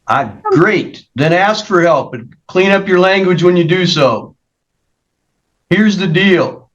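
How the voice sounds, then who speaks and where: Firm lecturing judge, man, higher voice, muffled video call audio. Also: lively intonation, slow pace, fairly bright tone. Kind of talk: virtual court hearing.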